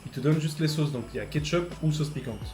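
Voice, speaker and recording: A young man, animated, tasting fast food in a casual vlog and swearing loudly at bad food. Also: on the high side, faint music behind, rough recording. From Switzerland. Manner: animated, loud bursts of disgust, swearing. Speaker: food vlogger.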